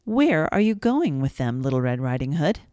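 A woman voicing a gruff, wicked male wolf in a storybook reading, in a deep, dry voice. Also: big pitch swings, moderate pace, darkish tone, no echo. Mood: sly.

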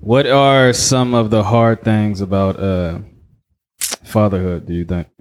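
A man's voice: lowish voice, fairly even intonation, slow, a little hiss or hum. A man hosting a casual podcast, asking loose questions with plenty of fillers. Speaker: podcast host.

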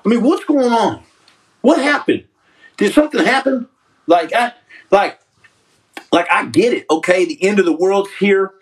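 A man with a high voice hosts a loose, casual livestream, reading out the viewers' comments. He ribs the audience and calls people son. His voice sits a little back from the mic. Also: lively intonation, moderate pace, long pauses, recorded from a distance, poor audio. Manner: joking, trash-talking, calls people son. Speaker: podcast host reading live chat.

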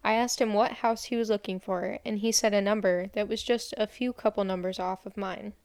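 A woman's voice: mid-range voice, fairly even intonation, brisk, darkish tone, no room sound, studio quality. A young woman co-hosting a podcast, chatting casually and reading creepy stories aloud with occasional giggles. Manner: giggly, reads in a plain storytelling voice.

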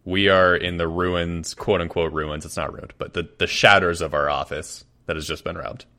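A man's voice: sits low, steady tone, normal speed, sharp tone. A man playing a tabletop role-playing game, laughing often and talking through his character's plans. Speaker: player.

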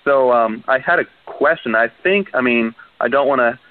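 Radio caller on a tinny phone line. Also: male voice, mid-range voice, moderate pace. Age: 20s. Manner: chatty, laughs often, hedges with "you know" and "um". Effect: phone line on a radio show. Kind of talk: casual call-in chat.

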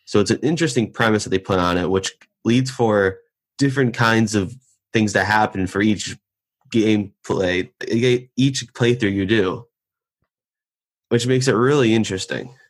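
A man's voice: fairly low pitch, normal speed. A young man co-hosting a podcast, explaining a game's premise in an easygoing way with some restarts. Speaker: podcast co-host. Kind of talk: casual game review chat.

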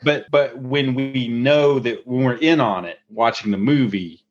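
A man co-hosting a film podcast, chatty and animated, often laughing and restarting his sentences. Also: medium pitch, unhurried. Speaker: podcast co-host. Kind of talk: casual film discussion. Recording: dull lo-fi audio.

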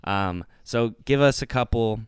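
Smooth-voiced man hosting a casual podcast. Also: medium pitch, no echo, clean studio sound. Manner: enthusiastic, swearing, quick asides. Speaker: podcast host. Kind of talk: casual chat.

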